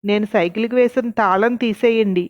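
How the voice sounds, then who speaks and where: A woman's voice: medium pitch, moderate pace, dry recording, muffled recording, close to an everyday voice. A woman narrator voicing a proud young man who argues while holding his temper. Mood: restrained irritation. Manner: restrained, arguing.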